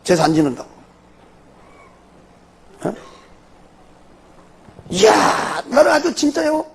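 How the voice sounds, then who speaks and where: An older man with a Jeolla accent, a church elder telling his testimony in an animated way and tossing in rhetorical questions. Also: high-pitched, takes it slowly, creaky, background noise. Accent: Jeolla Korean. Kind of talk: spoken testimony before a congregation.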